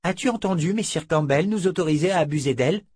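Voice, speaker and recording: A man's voice: on the high side, quick pace, a little mellow, breathy edge, no echo, clean studio sound, pitched above the performer's own voice. A man voicing a brutal, contemptuous male henchman who barks orders with scorn, in an audiobook. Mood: gruff. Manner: menacing, scornful, commanding. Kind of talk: audiobook character voice.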